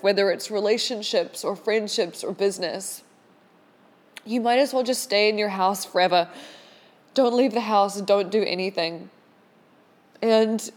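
A woman with a mid-pitched voice talks directly to listeners as the host of a solo show. Her delivery is casual and reflective, with an earnest, confessional tone and emphatic phrasing. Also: darkish tone.

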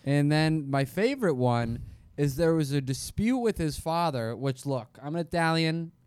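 Animated joking man, smooth dry voice. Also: fairly high pitch, normal speed, dry recording. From New York. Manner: animated, joking, riffs with laughter. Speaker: podcast co-host. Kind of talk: casual comedic chat.

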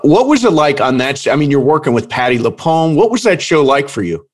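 A man's voice: fairly high pitch, big pitch swings, brisk, faint music behind. A man hosting a pop culture podcast, chatting casually and introducing his guest with upbeat energy. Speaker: podcast host.

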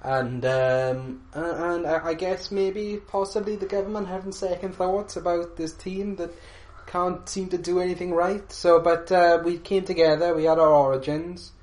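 A man's voice: high-pitched, steady tone, normal speed, few pauses, darkish tone. Hesitant man in an echoey room. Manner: hesitant, many fillers and restarts. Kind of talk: casual chat.

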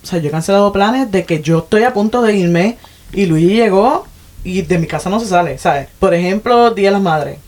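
Woman, chatty co-host, mid pitch, animated, restarts her sentences. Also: fairly quick. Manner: animated, self-correcting, frequent "o sea". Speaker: podcast co-host, stepmother. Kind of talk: casual chat.

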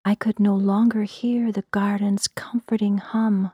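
Soft-whispering woman narrator, slow. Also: mid-range voice, level tone, husky, dry recording. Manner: soft, gentle, hushed whisper. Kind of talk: whispered ASMR story narration.

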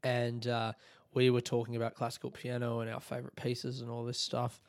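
A young Australian man chats on his own, rambling loosely with plenty of swearing and bursts of enthusiasm. His voice is smooth and clear, recorded close and dry with no room sound, and sits at a middling pitch. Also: monotone, fairly quick, no room sound. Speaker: podcast host. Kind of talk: casual solo chat.

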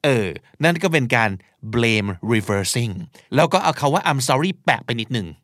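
A man's voice: medium pitch, lively intonation, measured pace, a bit bright, dry recording, studio quality. A man hosting a podcast, teaching and explaining vocabulary, spelling out words and acting out short examples. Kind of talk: explanatory language lesson talk.

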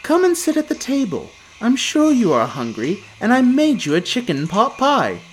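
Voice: mid-range voice, wildly swooping pitch, moderate pace, slight background noise, pitched above the performer's own voice. A storyteller voicing a giant's cheerful, coaxing wife in a children's story.

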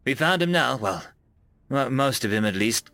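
A wry, uneasy trooper giving a dry report, as a male narrator puts him on. The voice is lively in pitch with a gravelly edge, read close and dry. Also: moderate pace, no room sound, soft background music.

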